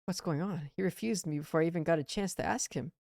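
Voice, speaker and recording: A woman's voice: lowish voice, quick pace, gravelly, darkish tone, no room sound, clean studio sound, voice pushed up. A woman voicing an earnest young male defense attorney who pleads and gets exasperated.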